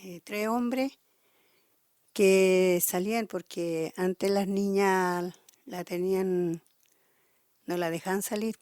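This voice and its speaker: A woman with a Chilean accent telling a traditional folk tale aloud, halting and often restarting her phrases. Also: medium pitch, steady tone, a little mellow, no echo, studio quality. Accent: Chilean Spanish. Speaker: storyteller.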